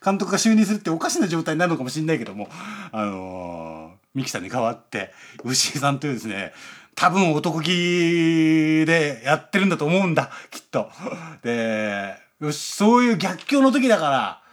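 A man's voice: fairly high pitch, very animated, normal speed. A man hosting a radio show, talking in a rambling, chatty way with lots of fillers and chuckles. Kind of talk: casual radio chat.

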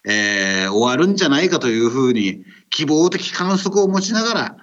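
A man hosting a radio show remotely, talking casually and politely with many filler pauses. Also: fairly high pitch, big pitch swings, a bit bright, dull audio. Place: remote recording over an internet call.

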